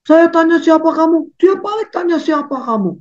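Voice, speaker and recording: Preacher doing a scared little kid, squeaky and begging, muffled lo-fi sound. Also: animated, moderate pace. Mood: scared, pleading. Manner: high, pleading, breathless storytelling. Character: frightened small child in a valley. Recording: dull lo-fi recording.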